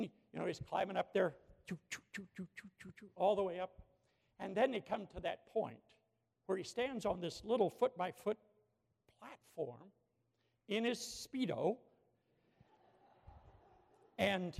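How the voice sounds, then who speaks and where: A man preaching a sermon in a church, telling a story with animated swings from hushed to shouting. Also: high-pitched, gravelly. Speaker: pastor. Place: church sanctuary with a balcony. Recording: long hall reverb from a church.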